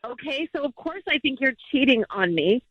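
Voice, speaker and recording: A woman's voice: high voice, big pitch swings, normal speed, no room sound. A woman on a phone call, upset and pressing her husband with accusing questions. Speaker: caller's wife. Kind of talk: phone conversation. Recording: dull phone-line audio.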